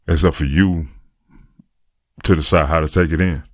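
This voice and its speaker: Very deep-voiced man, earnest and reflective. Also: steady tone, moderate pace, dry recording, clean studio sound. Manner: earnest, repeats phrases for emphasis. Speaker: podcaster and aspiring motivational speaker. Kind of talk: reflective casual monologue.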